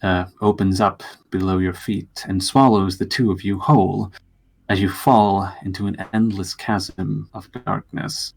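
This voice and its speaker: A man with a low, husky voice works as game master of a tabletop role-play. He narrates very slowly and deliberately, leaving dramatic pauses between phrases. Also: little pitch movement.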